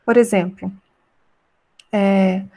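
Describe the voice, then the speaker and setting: Teacher, mellow voice, English examples. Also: female voice, medium pitch, steady tone. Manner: explains in Portuguese, reads English examples slowly and clearly; keeps checking in with "né?" and "tá?". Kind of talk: online class lesson.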